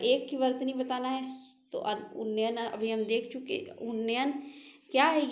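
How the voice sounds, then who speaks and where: A woman with a fairly high voice teaches a Hindi spelling lesson for exam preparation. She walks through each answer, says the correct word again and asks the class what the right form is. The sound carries around an echoey room. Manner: explains each answer, repeating words and quizzing with rhetorical questions.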